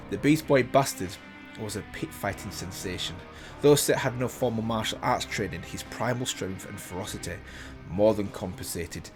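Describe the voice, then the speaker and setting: A man hosting a reaction video, reading a story aloud in a casual way with slips and self-corrections, remarking on it as he goes. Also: lowish voice.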